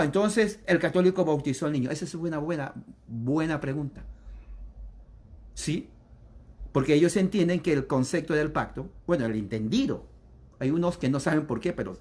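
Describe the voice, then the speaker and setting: A man's voice: on the high side, expressive, normal speed, pauses often, a little mellow. A man preaching a catechism lesson in an emphatic, repetitive way, acting out opponents' objections in quoted voices. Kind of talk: sermon.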